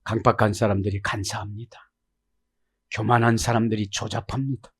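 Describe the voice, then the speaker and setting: A male pastor delivering a sermon, dropping to soft, low asides and then rising into loud, emphatic cries. He keeps prompting his listeners with short questions as he preaches. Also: level tone, normal speed, slightly rough. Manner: emphatic preaching with frequent "네?" check-ins to the congregation; swings between quiet murmuring and loud exclamations.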